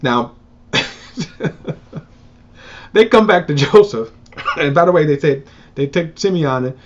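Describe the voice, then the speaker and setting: A man's voice: on the high side, animated, slow. A man casually teaching from the Bible, retelling a story with many fillers and restarts, and acting out its characters in raised voices. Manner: rambling, full of fillers and restarts, acts out quotes in raised voices. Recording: dull lo-fi recording.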